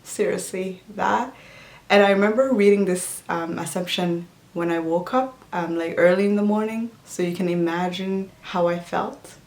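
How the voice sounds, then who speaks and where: An easygoing woman from Djibouti, who isn't a native English speaker, chats through a casual Q&A vlog about health and nutrition. Her voice sits on the low side with a darkish tone and a moderate pace, full of fillers and restarts, in a roomy, echoey space.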